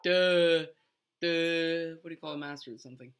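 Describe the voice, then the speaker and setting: Bright-voiced joking young man. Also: fairly high pitch, normal speed, clear, resonant tone. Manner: joking, rambling. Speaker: podcast co-host, son. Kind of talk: casual chat.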